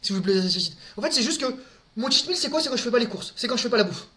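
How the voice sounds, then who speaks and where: High-voiced man in loose, crude chat. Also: lively intonation, quick pace, pushed and bright. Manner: crude slang, repeats words, talks to his audience directly. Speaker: streamer answering viewers' questions. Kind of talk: casual live chat.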